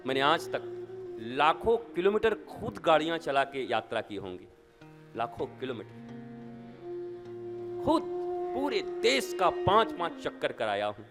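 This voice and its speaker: A man giving a devotional sermon as a guru, conversational but turning emphatic and rhythmic with repetition. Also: mid-range voice. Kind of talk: devotional sermon before an audience, with anecdotes.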